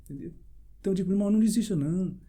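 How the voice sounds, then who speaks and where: A pastor speaks in a high but mellow voice. He preaches with emphasis and keeps asking rhetorical questions. He lets out short laughs between phrases while he tells his testimony. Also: very fast. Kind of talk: preaching in a panel debate.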